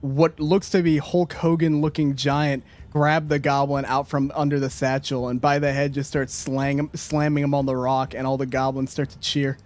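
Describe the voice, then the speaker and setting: Flat-voiced male game master. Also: mid-range voice, normal speed, few pauses, slight background noise. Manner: loose, rambling scene description with fillers. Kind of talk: narrating a tabletop game.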